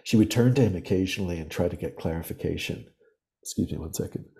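A man in his sixties, a podcast guest, telling reflective, vivid stories at an unhurried pace with frequent pauses. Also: low voice, creaky, dark tone. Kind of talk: storytelling interview.

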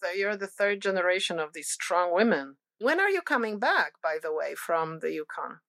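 A woman hosting a casual interview, asking curious, warm questions. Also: lowish voice, sing-song, moderate pace, gravelly, no echo, studio quality.

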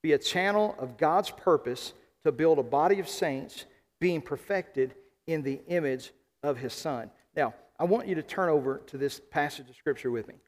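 A pastor from South Arkansas preaches to his congregation, his somewhat high voice rising into emphatic calls between calmer scripture reading. A long reverb trails every line through the church. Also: normal speed. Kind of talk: sermon.

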